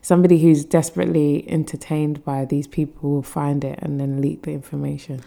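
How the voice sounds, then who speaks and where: Young female co-host, low and gravelly, blunt casual chat. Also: level tone, a little fast, warm tone. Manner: blunt, dismissive, mocking impressions. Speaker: podcast co-host.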